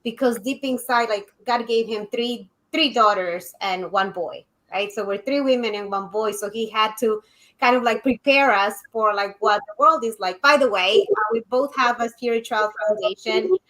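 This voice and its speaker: Mulher equatoriana, fala sincera. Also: female voice, a little high, normal speed, fairly bright tone, rough recording. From Ecuador. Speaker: interview guest. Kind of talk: candid personal storytelling.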